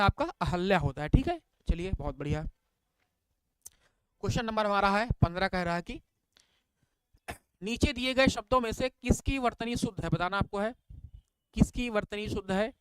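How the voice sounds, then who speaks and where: The voice is a man's, high-pitched and smooth, in a dry recording. He teaches exam prep online, reading spelling questions and options, repeatedly asking "what is it?", and naming viewers to praise them, calling them bhaiya.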